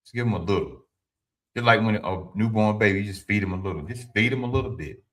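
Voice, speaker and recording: He talks fast, with a fairly low pitch and fairly bright tone, as a livestream host in his fifties giving motivational advice. The tone is informal and preachy, and he keeps repeating points while responding to the chat.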